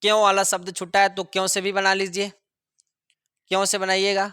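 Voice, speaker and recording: A male teacher giving a grammar lesson, repeating each example sentence slowly for students to copy. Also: sits high, monotone, sharp tone, smooth, no echo, clean studio sound. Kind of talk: classroom lesson.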